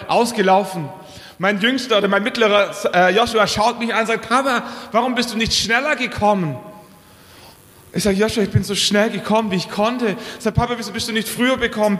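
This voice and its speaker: A man around forty giving a storytelling sermon at a youth church service, telling a lively family anecdote. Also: high-pitched. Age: 40s. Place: church hall. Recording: long hall reverb.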